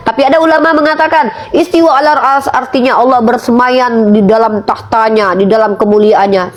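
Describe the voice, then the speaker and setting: A woman making a religious argument in a debate, forceful, asking herself rhetorical questions and slowing down to stress key points. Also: on the high side.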